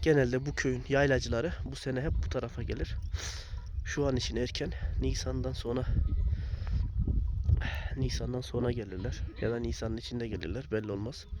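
A man, a little hoarse and phlegmy from a sore throat, explaining things plainly as he vlogs casually from his pasture as a goat herder. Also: medium pitch, steady tone, brisk. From Turkey, a village in Tokat province. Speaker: goat herder and video blogger. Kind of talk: casual outdoor vlog to viewers. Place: open pasture outdoors in the countryside. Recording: noisy outdoor recording with livestock sounds. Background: goats and animal sounds, outdoor noise.

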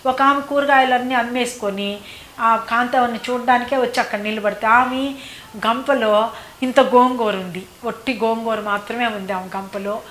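A woman with a fairly high, slightly bright voice speaks at a moderate pace and fairly even intonation, with slight background noise in an echoey room. A devotee, she reminisces about a saint in rambling oral storytelling, repeating phrases, circling back, and filling gaps with "annamaata."

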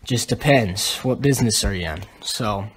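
A young man co-hosting a podcast explains history in a casual, lecturing way, listing items and saying "um" often. His voice is fairly low with a breathy edge, he speaks at a moderate pace, and the recording is rough.

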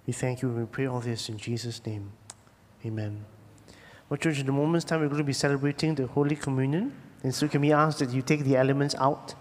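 A man's voice: medium pitch, fairly even intonation. Man praying with cathedral echo. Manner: measured, reverent liturgical recitation. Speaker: pastor. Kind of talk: leading prayer and communion liturgy. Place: church sanctuary. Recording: long echoing hall reverb.

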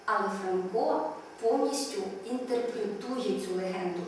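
A woman's voice: mid-range voice, measured pace, darkish tone, slight background noise. A woman teacher giving a literature lesson, explaining step by step with rhetorical questions and small fillers. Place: school classroom. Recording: echoey hall, far from mic.

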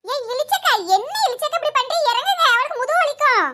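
Sex: female. Figure: a woman playing a tired, coaxing elder sister in a cartoon. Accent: Kanyakumari Tamil. Pitch: very high. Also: expressive, fast, pushed and bright, heavily acted. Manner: exasperated, coaxing. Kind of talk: cartoon voice acting.

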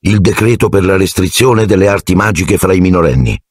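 A man's voice: low-pitched, fairly quick, darkish tone, dry recording, clean studio sound. A man voicing an indignant teenage boy wizard who speaks bluntly and defiantly.

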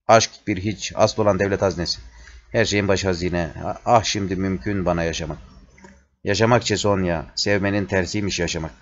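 A man reading the part of a raging, mad young Roman emperor, shouting out commands. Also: deep voice, fairly even intonation, brisk, slight background noise, close to an everyday voice. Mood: furious. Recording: dull lo-fi recording.

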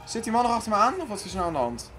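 A man hosting a let's play who talks to himself and loudly panics while playing. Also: high voice, sing-song, racing, a crowd in the background. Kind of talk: casual gaming commentary.

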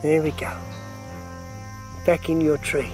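With faint music behind him, a slightly high, darkish male voice talks slowly in a level tone. He is an Australian wildlife presenter in his fifties filming outdoors, dramatic and emphatic, marvelling at the creature and frequently turning to speak to it.

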